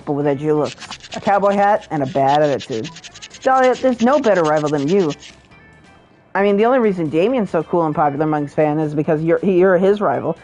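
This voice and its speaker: Quick-talking woman narrating a game, crude and joking, lowish voice. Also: a little mellow, poor audio. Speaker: player reading the game aloud. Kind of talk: casual profane let's-play narration.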